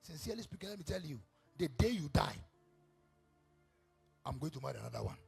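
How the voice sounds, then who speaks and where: Man voicing a cool, blunt wife, gravelly and husky, low-key. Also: sing-song, brisk, a little mellow, faint music behind, heavily acted. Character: new third wife, blunt and self-serving.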